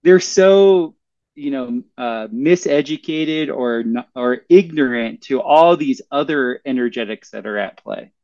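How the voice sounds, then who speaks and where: A man explaining things in casual conversation, in an earnest and somewhat halting way. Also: mid-range voice, lively intonation, a little mellow, no echo, dull audio. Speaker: bodywork practitioner.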